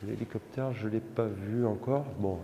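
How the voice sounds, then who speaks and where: Male vlogger with a low, warm voice and quiet wonder, with long cathedral-like reverb in a stone chamber and faint room noise. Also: fairly even intonation, moderate pace. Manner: hushed, awed remarks, often trailing off. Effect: long echoing reverb, like a vast stone hall. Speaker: vlogger touring an ancient temple. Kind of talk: casual spoken tour commentary. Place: large indoor stone chamber.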